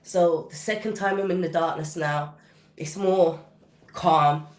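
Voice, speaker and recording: A woman's voice: lowish voice, fairly even intonation, measured pace, reverberant. A British woman, a guest recording artist, recounting a personal story in a podcast interview with vivid, intense, casual delivery. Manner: vivid, intense retelling with casual dialect grammar.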